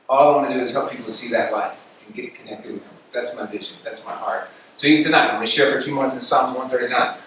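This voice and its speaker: Animated pastor telling his story, echoey room. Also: mid-range voice, far from the mic. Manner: animated storytelling, laughing through anecdotes. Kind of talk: testimony sermon to a student group. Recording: echoey room recorded from afar, noisy.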